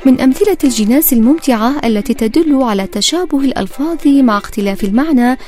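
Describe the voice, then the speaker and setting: A woman giving scripted educational narration in a measured, formal recitation. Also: sits high, lively intonation, warm tone. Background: faint music.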